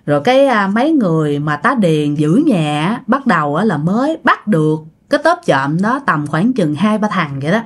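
A woman's voice: on the low side, big pitch swings, normal speed, hardly any pauses, slightly rough. A woman with a Southern Vietnamese accent narrating a ghost story in a chatty way, speaking straight to her listeners. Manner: chatty, addresses listeners directly.

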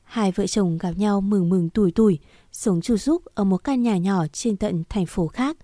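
Female storybook narrator, mellow tone, dry close mic, even read. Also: medium pitch, a little slow, no echo.

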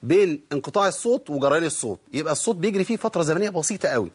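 Fast-talking Egyptian man teaching tajweed. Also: a little high, animated, husky. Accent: Egyptian Arabic. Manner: explains with repeated questions to the listeners, demonstrates sounds. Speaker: Quran recitation teacher. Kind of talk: tajweed lesson.

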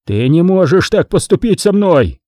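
Man doing a scared old mob boss, blustering and pleading, raised husky voice. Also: a little high, big pitch swings, unhurried, dark tone, no echo, studio quality, voice pushed up. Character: frightened aging male mafia boss.

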